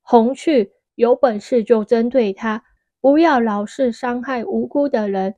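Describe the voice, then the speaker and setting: A woman's voice: a little high, a little slow, warm tone, no room sound, highs cut off, lightly acted. A woman voicing a stern, protective male swordsman in an audiobook, speaking firmly.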